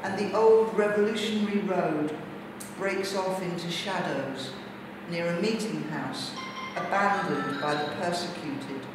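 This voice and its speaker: A British woman with a lowish voice speaks slowly in deliberate, measured phrases. She is a poet and seminar speaker giving a poetry reading and reflective talk to an audience indoors, in a large bare brick-walled gallery. A distant camera mic captures her, making the sound very echoey and noisy.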